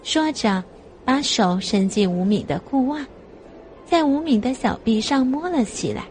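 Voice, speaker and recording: A woman narrating an audio novel in a slow, even storytelling manner. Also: on the high side, soft background music.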